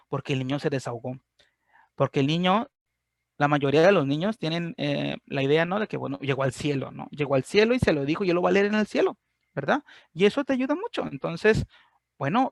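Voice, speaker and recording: A man's voice: on the high side, gravelly, no echo, studio quality. A man with a Mexican Spanish accent giving an informal class on grief, explaining step by step and often checking that his listeners are following. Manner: chatty, constantly checks in with listeners. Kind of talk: informal online class talk.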